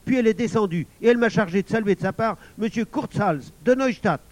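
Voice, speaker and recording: A man voicing an angry boy who has been robbed, his voice shrill and near tears. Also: fairly quick, no echo. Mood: indignant.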